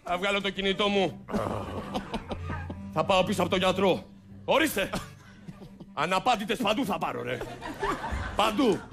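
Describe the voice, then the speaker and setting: A man's voice: lively intonation, gravelly, long pauses, over music. A man performing sketch comedy, jumping between characters and often laughing through his lines. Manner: shifts pitch wildly, laughing through lines.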